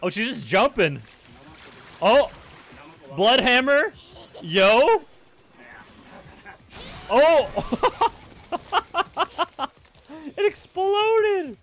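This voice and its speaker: A young man casually reacting to and discussing an anime episode at home, laughing often and breaking into loud exclamations. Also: very high voice, big pitch swings, extremely slow, pauses often. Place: home room with a red-walled display shelf, indoors.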